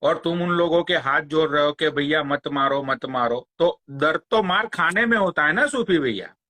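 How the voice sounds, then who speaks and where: A man, ranting on a phone live stream in a slow, crude, mocking way. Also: a little high, pushed and bright. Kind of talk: angry rant on a live stream.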